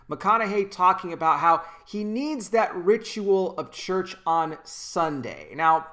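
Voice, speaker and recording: A man's voice: a little high, fairly bright tone. A man in his thirties hosting a casual commentary vlog from a small room at home, talking earnestly into a desk microphone with frequent restarts. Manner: earnest, talks with hand gestures, frequent restarts. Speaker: commentary channel host. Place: small indoor room with kitchen behind. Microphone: desk microphone in front of him.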